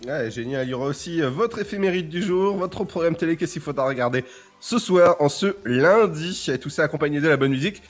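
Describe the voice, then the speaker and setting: A male radio co-host in a studio, playful and quick to giggle while announcing what is coming up. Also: fairly high pitch, animated, soft background music. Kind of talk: casual radio banter. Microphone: studio microphone.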